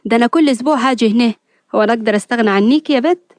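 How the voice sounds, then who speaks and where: A woman voicing a spirited, sharp-tongued young woman who talks back fast and emotionally. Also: fairly high pitch, dry recording, clean studio sound, natural voice. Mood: affectionate. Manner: quick, emotional, teasing retorts.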